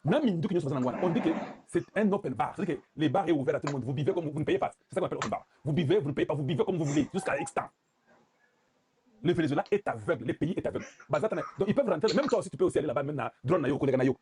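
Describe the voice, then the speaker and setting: A man, commenting on news clips in a mocking, lively way and slipping into Lingala. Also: a little high, rapid-fire, a little hiss or hum. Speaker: political commentator.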